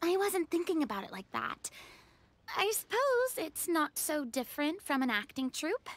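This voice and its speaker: A woman's voice: high-pitched, big pitch swings, moderate pace. A woman voicing an earnest, theatrical young woman in a game, curious and musing.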